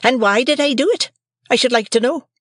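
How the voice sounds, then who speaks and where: A shrill, scolding woman lashes out in a high, loud, nagging voice, as a male audiobook reader puts her on. The sound is dry and close, with no room around it. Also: a little fast, no echo. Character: shrill scolding sister, harsh tempered woman.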